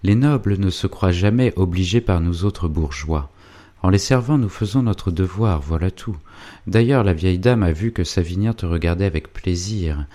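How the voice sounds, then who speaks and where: Old doctor guardian in an audiobook, deep, dark and grave, read by a man. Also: normal speed, natural voice. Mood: bitter.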